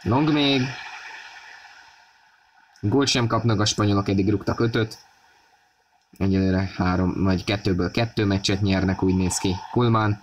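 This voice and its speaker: A man giving football match commentary on a video game, excited and raising his voice at key moments. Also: on the low side, slight background noise. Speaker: sports commentator.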